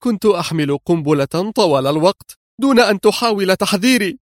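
A man's voice: sits high, fast, dry recording, studio quality, voice pushed up. A man voicing a fiery, defiant young female agent who speaks sharply and indignantly in a spoken-word thriller.

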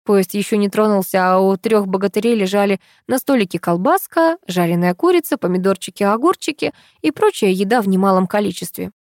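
A woman narrating a humorous first-person audiobook story in a lively, ironic manner. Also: mid-range voice, brisk, few pauses, dry recording, studio quality.

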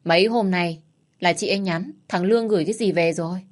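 A woman voicing a lively, headstrong young daughter who speaks eagerly. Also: fairly low pitch, a little fast, lightly acted. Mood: playful. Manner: eager, pleading.

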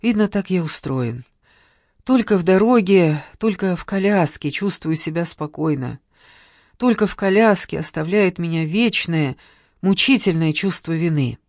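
Woman voicing a gentle, guilt-ridden father. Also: fairly low pitch, lively intonation, unhurried, dry recording, studio quality. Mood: apologetic. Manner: soft, apologetic.

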